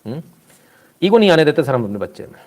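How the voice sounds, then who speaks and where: With a voice on the high side and a quick pace, this man runs casual live commentary. He reads viewer comments and spins anecdotes, sounding animated and scolding.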